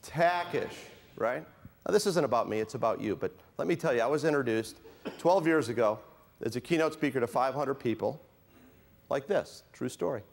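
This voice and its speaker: A man's voice: mid-range voice, expressive, a little fast, gravelly. A middle-aged man giving a keynote speech at a conference, joking with the audience and asking for a show of hands. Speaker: keynote speaker. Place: conference hall with a live audience.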